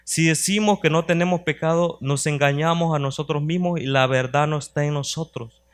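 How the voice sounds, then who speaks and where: A man's voice: on the high side, fairly even intonation, normal speed. A man as a youth minister, preaching a sermon to young people and reading scripture aloud with rising emphasis. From United States. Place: church youth sanctuary.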